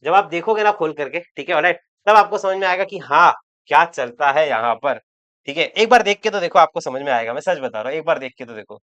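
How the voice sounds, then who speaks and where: A man's voice: on the high side, lively intonation, fast, a bit bright, dull audio. Chatty, joking male chemistry teacher. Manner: chatty, repeats words for emphasis; joking asides to students. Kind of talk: online exam-prep lecture.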